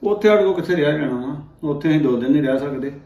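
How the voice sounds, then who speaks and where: A woman's voice: sits low, lively intonation, rapid-fire, mellow. An actress playing a worried older village mother with a Punjabi accent, consoling and indignant, in a dull echoey recording with faint music.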